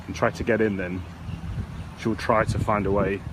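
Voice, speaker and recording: A man giving an earnest, halting, unscripted live news report outdoors in a storm, speaking into a phone. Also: on the low side, level tone. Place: outdoors near a hotel in a storm. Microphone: phone held by the speaker. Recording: noisy outdoor wind and rain. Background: storm ambience.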